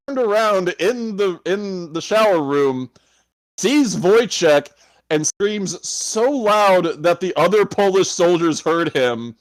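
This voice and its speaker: A man's voice: a little high, no room sound, low-quality recording. A man co-hosting a podcast, telling a story in loose casual chat, swearing often and laughing between lines. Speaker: podcast co-host.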